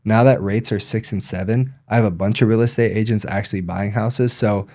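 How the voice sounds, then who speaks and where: A man who works as a loan officer, explaining things in a relaxed podcast chat with frequent ums. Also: lowish voice, brisk.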